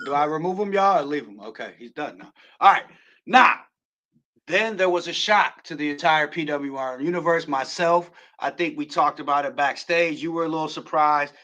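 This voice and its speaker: A man hosting a wrestling show, recapping a match play by play and building to shouts at the near-falls. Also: on the high side, moderate pace.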